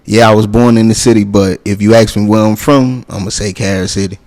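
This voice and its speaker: A man from Miami, hosting a podcast and steering the talk with relaxed questions. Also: fairly low pitch, a little fast. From Miami, Florida. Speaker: podcast host. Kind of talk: casual podcast chat.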